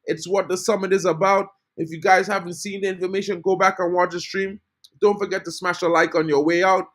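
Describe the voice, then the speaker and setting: Brisk and a bit bright, a high-voiced man with little pitch movement runs a laid-back live-stream football fan update. He's from Trinidad, greets the chat viewers, and drops "bro" constantly.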